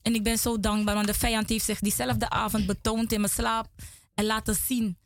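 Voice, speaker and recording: A woman's voice: a little high, flat delivery, moderate pace, no room sound. Earnest woman giving a church testimony. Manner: emotional, earnest, repeats words. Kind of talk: religious testimony. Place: small studio.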